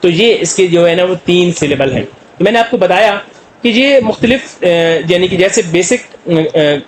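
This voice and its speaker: Middle-aged male language teacher, Pakistani Urdu accent, high voice, patient filler-heavy lecturing, faint hiss behind. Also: lively intonation, rough recording. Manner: explains slowly, with many fillers and repeated questions to students; draws out demonstration sounds.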